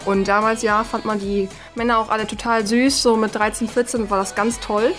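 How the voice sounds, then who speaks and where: A woman in her twenties chatting in a casual interview, telling her story in a lively, talkative way. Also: a little high, normal speed. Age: 20s. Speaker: interviewee, dancer. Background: background music.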